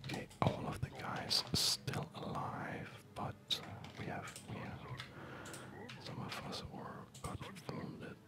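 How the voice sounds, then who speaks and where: Hushed and leisurely, a male video host whispers his way through a game, letting his ASMR commentary wander.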